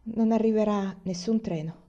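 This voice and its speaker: A woman voicing a steady pioneer father who talks calmly and reassuringly, in a slightly muffled recording. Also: medium pitch, moderate pace, voice pushed up, close to an everyday voice. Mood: grave. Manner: calm, reassuring.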